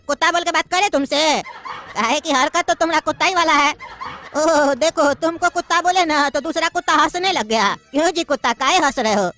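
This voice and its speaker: A woman's voice: high-pitched, bright, forceful tone. A woman voicing a pompous old male judge near retirement in a cartoon comedy, speaking in a bossy, mocking, lecturing way.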